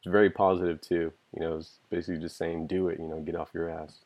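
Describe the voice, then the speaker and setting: A man's voice: low-pitched, level tone, quick pace, lo-fi sound. A man guest on a music podcast, talking loosely and enthusiastically, swearing casually and filling speech with "like" and "you know.".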